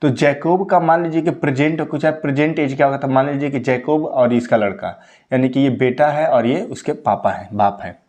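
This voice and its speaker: A man's voice: medium pitch, brisk, darkish tone, highs cut off. A young man teaching a maths lesson, explaining exam problems step by step and checking in with his students again and again. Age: 20s. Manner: repeats points with frequent "ठीक है" check-ins.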